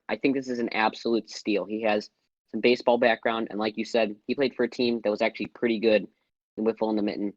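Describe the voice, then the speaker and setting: A man's voice: mid-range voice, no echo. A man on a panel giving confident, enthusiastic opinions in casual talk. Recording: dull lo-fi mic.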